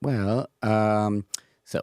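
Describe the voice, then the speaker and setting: A middle-aged man, a native English speaker with a foreign English accent in French, answering haltingly as a podcast guest and slipping into English words. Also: fairly low pitch, fairly even intonation, a little mellow, clear, resonant tone, dry recording, studio quality. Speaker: guest, river cruise sales representative. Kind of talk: podcast interview, casual explaining.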